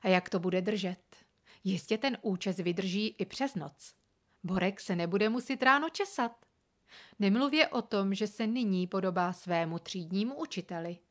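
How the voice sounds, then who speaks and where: A woman reading a children's story aloud with expressive, animated narration. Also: medium pitch. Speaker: reader.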